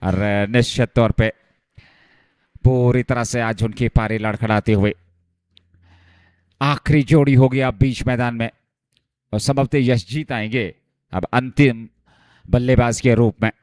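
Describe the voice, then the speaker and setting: A male cricket commentator calling a match live, with excited delivery when the action picks up. His voice sits at a medium pitch, and the sound is close and dry. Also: a little slow, long pauses, smooth, no echo.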